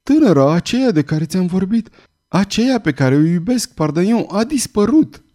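A man's voice: fairly high pitch, sing-song, dark tone, voice pushed up. A man doing a tearful, lovesick young duke. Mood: distraught. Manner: agitated, near tears.

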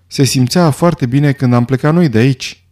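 A man's voice: mid-range voice, natural voice. A man voicing a hardened adventurer who speaks in a somber, strained way. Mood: impatient. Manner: somber, rising to shouting. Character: hardened male adventurer near breaking.

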